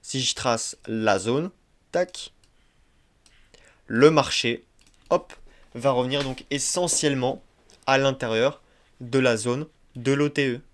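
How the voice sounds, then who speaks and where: A man's voice: mid-range voice, takes it slowly, long pauses, a bit bright. A man teaching trading over a screen-share tutorial, who talks emphatically, repeats key points and keeps asking "ok?". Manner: repetitive, emphatic, many verbal tics like "ok?" and "hop". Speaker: trading instructor.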